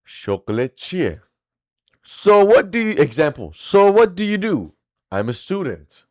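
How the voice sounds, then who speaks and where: A man teaching a live online English class, chatty and joking, switching between Persian explanations and slow, carefully spoken English phrases. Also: sits high. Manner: animated, mixes Persian and slow, clearly drilled English phrases; chatty and joking, talks to the chat.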